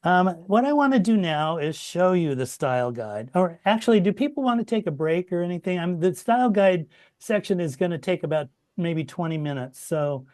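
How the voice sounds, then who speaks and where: A middle-aged man teaching a copyediting workshop over a video call, relaxed and chatty, with many fillers and restarts. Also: sits high, moderate pace. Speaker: workshop instructor. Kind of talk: informal online workshop teaching.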